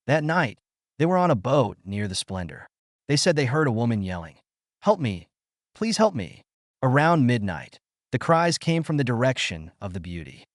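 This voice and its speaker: A man reading a scripted documentary narration in a measured storytelling manner. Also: medium pitch, no room sound, studio quality.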